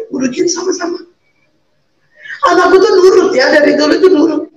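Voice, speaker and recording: High-voiced woman in an echoey room. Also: distant mic. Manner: earnest, repeats key words for emphasis. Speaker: interview guest, a convert and single mother. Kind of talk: personal life testimony over a video call. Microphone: video call.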